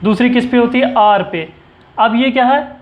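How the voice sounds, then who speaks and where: A high-voiced man with an Indian English accent teaches literature, moving between Hindi and English. He explains each point patiently and puts questions to his students. The sound is roomy and a little muffled. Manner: explains slowly and asks the class questions. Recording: echoey room, dull sound.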